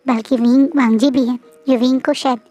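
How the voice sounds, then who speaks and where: A calm elder brother, earnest and persuasive, as a woman voices him. The voice is pitched high. It has the feel of a storybook reading. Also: a little fast, no echo, faint music behind, close to an everyday voice.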